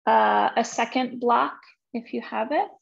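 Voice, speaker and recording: A woman fitness instructor talking her online class through the props for the day, relaxed and chatty over a video call. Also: on the high side, unhurried, gravelly, muffled recording. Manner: relaxed, chatty, loose with fillers. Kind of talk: live online class intro.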